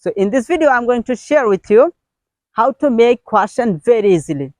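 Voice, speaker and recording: A man's voice: extremely high pitch, big pitch swings, drawn-out words, a little mellow, no room sound, low-quality recording. A Bangladeshi man teaching an English lesson on his YouTube channel. He switches between Bengali and English and drills short questions and answers with energy. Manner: moves his body while speaking.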